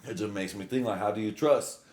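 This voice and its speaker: A man's voice: lowish voice, brisk, a little mellow. A man in his late twenties on a drunk, loose, rambling casual solo rant, full of slang and swearing. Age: late 20s. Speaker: vlogger.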